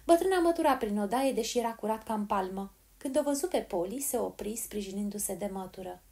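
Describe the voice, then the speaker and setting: A woman narrating a children's story aloud, clear and expressive. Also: mid-range voice. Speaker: story reader. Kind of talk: audiobook narration.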